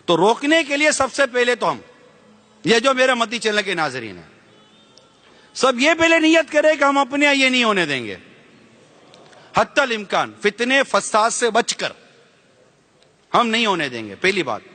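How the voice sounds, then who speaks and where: High, lively man preaching in an echoey hall. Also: long pauses. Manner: fiery rhetorical questions to the listeners; slips English words into his speech. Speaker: preacher addressing an audience. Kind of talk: impassioned sermon.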